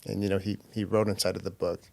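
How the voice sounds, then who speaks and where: A man's voice: low-pitched, level tone, fast, gravelly, darkish tone, slight background noise. A man hosting an interview, giving short encouraging responses and asking follow-up questions. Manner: encouraging, brief affirmations. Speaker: podcast host. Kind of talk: casual interview.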